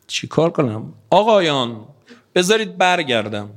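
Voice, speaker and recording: A man preaching a sermon, impassioned and pleading, swinging between hushed and raised. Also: fairly high pitch, sing-song.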